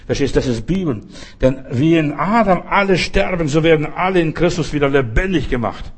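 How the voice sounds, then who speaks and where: A man's voice: fairly high pitch, animated, fairly quick, breathy edge. A man preaching a fervent sermon as a pastor, speaking straight to the listener.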